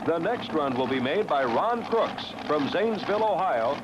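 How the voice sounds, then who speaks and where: A man's voice: fairly high pitch, very animated, normal speed, noisy background. A man working as a tractor pull announcer, delivering scripted commentary and event promotion. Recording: dull lo-fi broadcast over loud music.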